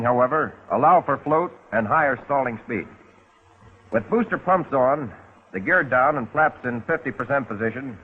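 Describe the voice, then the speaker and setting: The muffled, phone-like soundtrack belongs to a 1940s instructional film. Its American narrator, a man with a mid-range and slightly rough voice, delivers his scripted lessons with a folksy, wry flavor.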